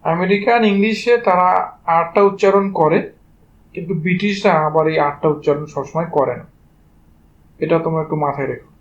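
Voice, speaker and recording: A man with a Bangladeshi Bengali accent, his voice a little high and brisk, teaches English pronunciation on a muffled recording. He spells out every word letter by letter before saying it, speaking to his students directly and informally in this spelling-based lesson.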